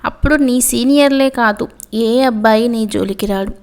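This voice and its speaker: A woman reader gives voice to a stern middle-aged hostel warden in a spoken story. She lectures calmly and firmly, her voice sitting a little high. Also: moderate pace, clear, resonant tone, natural voice. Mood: firm lecturing. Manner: calm, lecturing advice.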